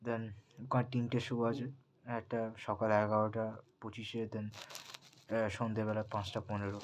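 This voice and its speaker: A young man, chatting casually at home and keeping his voice low on purpose, with many fillers. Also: level tone, normal speed, a little hiss or hum. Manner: speaks softly on purpose, many fillers, mixes English into Bengali. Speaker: film box office vlogger. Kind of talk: casual chat.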